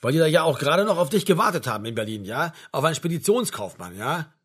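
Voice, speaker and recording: A tired, sharp-tongued mother with a husky, breathy voice, as a male narrator puts her on. She nags and scoffs in quick bursts, then softens into weary tenderness. A storybook reading with a lively, slightly raised delivery. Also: fairly high pitch, exaggerated voice. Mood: dismissive. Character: weary, blunt middle-aged mother. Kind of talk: audiobook character voice.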